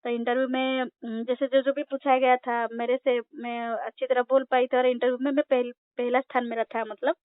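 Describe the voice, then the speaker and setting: A woman's voice: a little high, little pitch movement, a little fast, few pauses, no echo. A woman from Odisha telling her life story as an interview guest, hesitant and full of fillers. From Odisha, India. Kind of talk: telephone interview. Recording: tinny phone line, dry.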